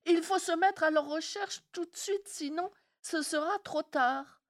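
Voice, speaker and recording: A woman's voice: extremely high pitch, unhurried, pitched above the performer's own voice. A woman voicing a bossy, furious old female cook who shrieks and scolds in a storybook reading. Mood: urgent.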